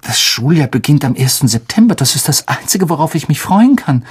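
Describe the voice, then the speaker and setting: A woman's voice: deep voice, big pitch swings, a little fast, a little mellow, slightly rough, voice pushed up, full character voice. A woman voicing an earnest, worried twelve-year-old boy wizard who speaks hurriedly and sometimes stammers.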